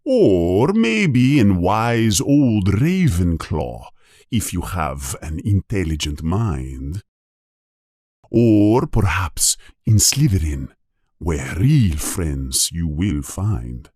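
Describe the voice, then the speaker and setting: A man voicing an ancient magical talking hat, chanting slowly and solemnly in a sing-song way, with a husky tone. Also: low voice, big pitch swings, a little mellow, dry recording, studio quality, voice pushed down, full character voice. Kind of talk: storybook reading.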